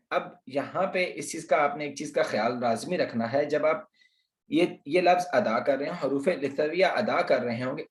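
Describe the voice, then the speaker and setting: A man teaching Quran pronunciation in an online lesson, patiently explaining and repeating letter sounds for practice. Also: on the high side. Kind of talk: slow online tajweed lesson. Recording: roomy echo.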